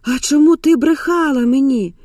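A woman reading the part of a shocked, desperate young woman, with a high, strained, pleading delivery. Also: lively intonation, unhurried, warm tone, no room sound, clean studio sound. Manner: pleading, raised and shrill.

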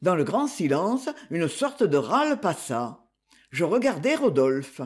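A man reading a classic literary story aloud in a measured, expressive audiobook narration. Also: on the high side, slightly rough. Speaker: reader.

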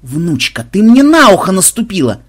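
A man voicing a grumpy male dwarf adventurer who shouts in irritation, in a fantasy audiobook. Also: high-pitched, huge pitch swings, normal speed, breathy edge, pitched above the performer's own voice, heavily acted. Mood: irritated.

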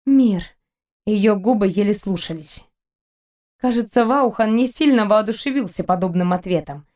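A woman narrating a novel as an audiobook reader in an even, measured way. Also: mid-range voice. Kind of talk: scripted narration.

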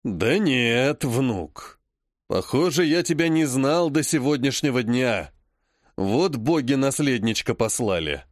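A man voicing a grumbling old grandfather, the head of a noble clan, who speaks slowly and scolds. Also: medium pitch, expressive, no echo, studio quality. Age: over 60. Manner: slow, grumpy, scolding.

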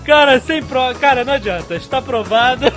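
A man hosting a podcast in casual chat, animated and joking, laughing often. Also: very high voice, brisk, music in the background. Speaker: podcast host.

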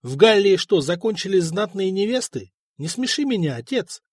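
A man's voice: high-pitched, very animated, normal speed, breathy edge, no echo, studio quality, pitched above the performer's own voice, full character voice. A man voicing a proud young prince who answers in a defiant, mocking way.

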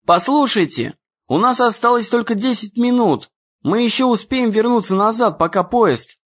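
A nervous teenage boy , as a male narrator puts him on, stammers in a high, anxious voice. The audiobook sound is slightly muffled. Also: lively intonation, normal speed. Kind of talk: audiobook character voice.

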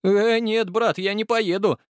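A man voicing a jittery, cautious young male driver who haggles excitedly. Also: high-pitched, a little slow, clean tone, dry recording, studio quality, pitched above the performer's own voice. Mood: agitated.

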